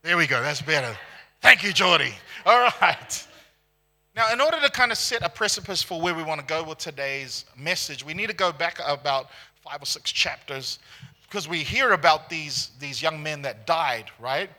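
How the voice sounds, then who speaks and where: Bright-voiced pastor, animated. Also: male voice, a little high, normal speed. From Singapore. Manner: animated storytelling, frequent tag questions. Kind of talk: conversational sermon.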